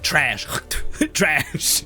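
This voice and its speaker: A young man streaming live and chatting casually with his viewers. He talks loosely and swears a lot, laughs often, and sounds a bit hoarse. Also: fairly high pitch, wildly swooping pitch, very slow, sharp tone, soft background music. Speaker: game streamer. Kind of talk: casual livestream chat, reading chat aloud.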